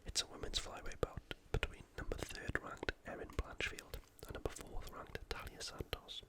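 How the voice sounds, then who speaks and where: In a soft, breathy whisper that stays unvoiced, an ASMR host casually breaks down an upcoming game, sounding a bit hesitant at times. The speed is normal.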